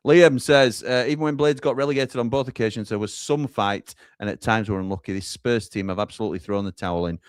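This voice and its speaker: A man hosts a live football watchalong in a low voice. He reads out viewer comments and hands over to reporters at the grounds. The sound is close and dry. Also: fast, few pauses, clear, resonant tone, no echo. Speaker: watchalong host.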